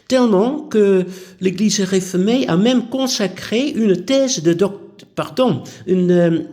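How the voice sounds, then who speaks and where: A man in his sixties from the Netherlands, speaking French, presents his book in a measured way, with frequent hesitations and restarts. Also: sits high, darkish tone. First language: Dutch. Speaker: author.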